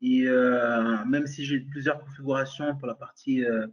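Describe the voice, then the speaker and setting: In a lo-fi recording, a webinar presenter with a Brazilian accent demos software in a medium-pitched, steady voice, going a little slowly. His delivery is hesitant, with many fillers and restarts, and he frequently checks in with the audience.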